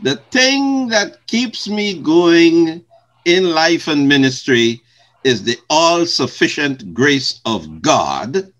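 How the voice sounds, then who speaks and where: An older man from Guyana, a retired pastor, answering interview questions in slow, measured, formal phrasing. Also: a little high, very animated, fairly bright tone.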